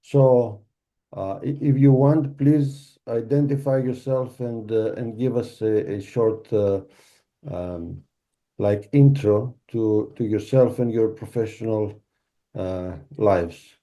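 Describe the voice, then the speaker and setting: Slow, dark-voiced man hosting a call. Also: fairly low pitch, steady tone. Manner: hesitant, many fillers. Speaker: meeting host. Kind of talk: casual online meeting chat. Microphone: video call.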